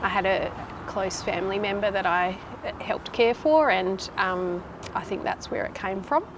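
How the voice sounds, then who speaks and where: A nurse manager in her thirties with a Tasmanian Australian accent answers interview questions casually and conversationally. Her mid-range voice moves at a measured pace, and the recording carries noticeable background noise.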